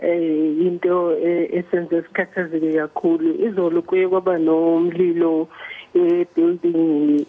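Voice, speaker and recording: A man's voice: on the high side, vocal fry. A man with a Zulu accent giving a hesitant interview as a spokesperson over a phone line, often repeating the starts of words. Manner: hesitant, repeats word beginnings. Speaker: emergency services spokesperson. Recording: tinny narrow-band phone line.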